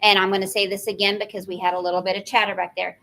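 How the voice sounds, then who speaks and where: A woman's voice: mid-range voice, level tone, very fast, vocal fry, background noise. A woman running a school spelling bee, giving firm, step-by-step instructions to students. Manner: firm, instructive, repeats rules. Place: school event room.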